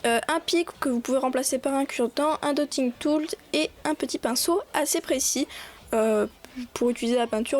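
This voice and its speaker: A young woman with a high voice talks through a clay craft tutorial in a relaxed, chatty way. She keeps stopping to fill gaps and restart her sentences as she goes. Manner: chatty, many fillers and restarts. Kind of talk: casual voice-over tutorial.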